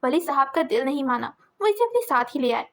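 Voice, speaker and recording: A woman reading a novel aloud as an audiobook narrator, steady and measured. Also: high-pitched.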